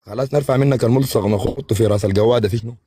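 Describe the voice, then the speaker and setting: A man's voice: medium pitch, rapid-fire, noisy background. A man with a Sudanese Arabic accent, ranting heatedly in a casual live stream, swearing and throwing out challenges. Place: abroad in the UK.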